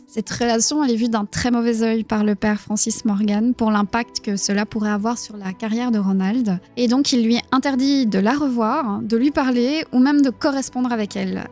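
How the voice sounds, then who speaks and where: Woman streamer with a fairly high voice. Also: a little mellow. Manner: casual, hesitant with frequent fillers, chats with viewers. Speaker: streamer host. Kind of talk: live-streamed talk presenting a biography.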